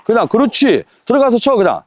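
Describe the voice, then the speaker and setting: A man coaching a tennis lesson on court, counting drills and firing quick rhetorical questions at his student. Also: very high voice, wildly swooping pitch.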